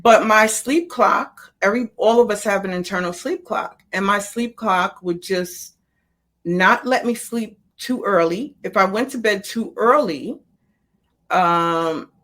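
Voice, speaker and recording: A woman's voice: mid-range voice, unhurried, fairly bright tone. A middle-aged woman speaking casually as an interview guest, explaining things colloquially through personal examples. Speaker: sleep coordinator, interview guest.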